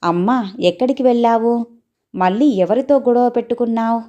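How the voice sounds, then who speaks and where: A woman's voice: on the high side, moderate pace, dark tone, dull audio, natural voice. A devoted young woman in a spoken story, read by a woman, protective of her father. She talks with earnest, reproachful urgency. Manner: pleading, reproachful.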